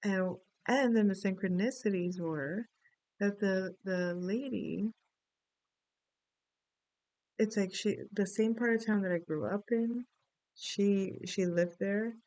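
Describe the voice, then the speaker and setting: A middle-aged woman from the Dominican Republic chats her way through a rambling story during a reading. Her voice has a gravelly fry, yet it stays smooth and resonant. The sound is close and dry. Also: mid-range voice, slow, pauses often, darkish tone, no room sound, poor audio. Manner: rambling, chatty storytelling with many asides. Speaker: astrology and tarot reader. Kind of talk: casual spoken reading.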